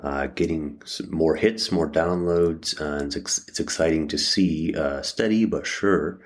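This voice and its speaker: A man hosting a podcast, talking casually from inside a closet of a rented room, halting and thinking aloud with many restarts. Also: a bass voice. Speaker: podcast host. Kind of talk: casual solo podcast talk.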